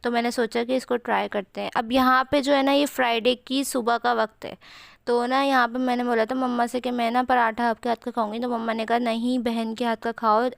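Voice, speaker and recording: A woman's voice: on the high side, steady tone, fairly quick, vocal fry, smooth, no room sound. A young woman with a sore throat, chatting through a home cooking vlog voice-over in a rambling way with many fillers, recorded close to the mic. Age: young adult. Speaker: vlogger.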